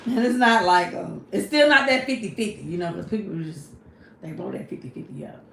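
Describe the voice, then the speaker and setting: A woman's voice: mid-range voice, animated, a little fast, gravelly. A woman, hosting a casual livestream. She reads viewers' comments and answers them directly, and she often says "you know what I'm saying.". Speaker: livestream host. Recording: echoey room, faint background hiss.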